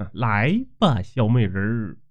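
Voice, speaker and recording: A man voicing a lecherous old male landlord who talks slowly in an oily, menacing way. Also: lowish voice, very animated. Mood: leering. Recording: dull lo-fi recording.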